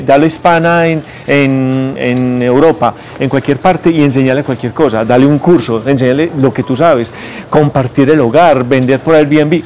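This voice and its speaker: A man's voice: mid-range voice, darkish tone, slight background noise. A man in his forties, a guest giving emphatic motivational advice in an interview, recorded on a lapel mic outdoors in a garden set. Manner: emphatic, lecturing, gestures as he talks. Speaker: guest entrepreneur speaker.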